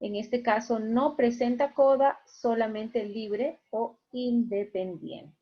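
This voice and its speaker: A woman's voice: on the high side, fairly even intonation, takes it slowly. Teacher woman on a muffled video call. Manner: patient, repeats key points with checking tags. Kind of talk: online class lecture.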